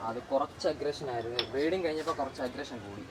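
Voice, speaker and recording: A man's voice: medium pitch, fast. A man who breeds fish, giving short, plain answers in a casual chat outdoors on a terrace. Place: hot rooftop terrace outdoors.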